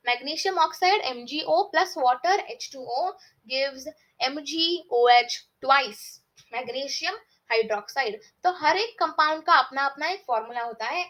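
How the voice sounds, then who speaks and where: A woman teaching a science lesson, reading textbook lines slowly and explaining each step, often asking "okay?" to check along. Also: high-pitched, a bit bright. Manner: reads English textbook lines slowly, explains fast in Hindi. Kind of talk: online lesson mixing Hindi and English.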